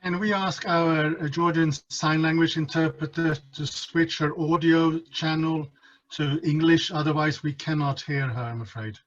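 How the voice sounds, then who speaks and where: A man's voice: on the high side, fairly even intonation, unhurried. A man moderating a panel question session over an online call with lo-fi sound. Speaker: webinar moderator. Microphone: video call. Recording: dull, lo-fi online call audio.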